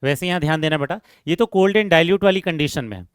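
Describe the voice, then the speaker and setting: A man's voice: a little high, a little fast, clear, resonant tone, dry recording, clean studio sound. A man teaching a chemistry lecture step by step, asking rhetorical questions and addressing students fondly. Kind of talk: classroom lecture.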